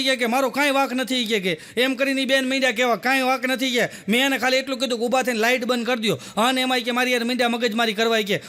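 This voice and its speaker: A man's voice: very high voice, bright, forceful tone. A man telling stand-up jokes, acting out quoted dialogue and repeating little filler words as he goes. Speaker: stand-up comedian. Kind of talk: Gujarati joke telling.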